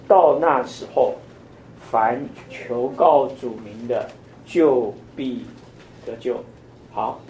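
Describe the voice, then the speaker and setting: A man's voice: on the high side, a little mellow, a little hiss or hum. An older man teaching a conversational Bible study, asking his listeners many questions. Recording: echoey room, mic at a distance.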